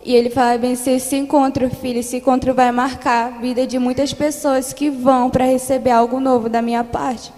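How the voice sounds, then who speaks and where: A woman's voice: high voice, little pitch movement, brisk, few pauses, darkish tone, in a large hall. A Brazilian woman earnestly recounting a vision to her congregation, repeating herself and calling the listeners beloved. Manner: earnest, repetitive storytelling, addresses listeners as beloved. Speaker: church member giving testimony.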